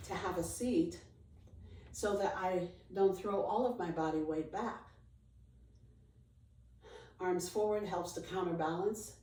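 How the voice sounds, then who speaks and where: A woman's voice: on the low side, warm tone, a little hiss or hum. A woman leading an exercise class as an aerobics instructor, giving short encouraging commands, counting reps and cueing form. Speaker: fitness instructor leading a chair workout. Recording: roomy echo, distant microphone.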